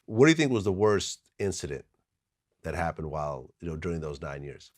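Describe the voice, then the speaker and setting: A male interviewer leading with measured, probing questions. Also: sits low, sing-song, darkish tone, no room sound, clean studio sound.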